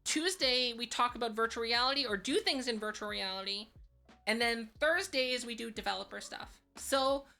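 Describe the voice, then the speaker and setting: Bright, cute anime-streamer woman. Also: on the high side, moderate pace, creaky, faint music behind. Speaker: virtual streamer hosting a live stream. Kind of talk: casual livestream chat.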